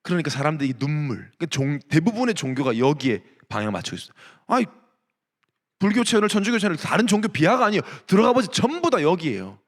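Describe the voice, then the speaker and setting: A man's voice: on the high side, fast talker, big-room sound. A male pastor preaching a sermon to young adults, telling stories and firing off rhetorical questions. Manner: animated storytelling with rhetorical questions. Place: church sanctuary.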